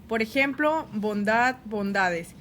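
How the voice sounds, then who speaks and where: A woman reads a spelling lesson aloud, moving through rules and example words in a steady, list-like way. Her voice sits a little high. A faint room hum stays behind her. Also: slow. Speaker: teacher.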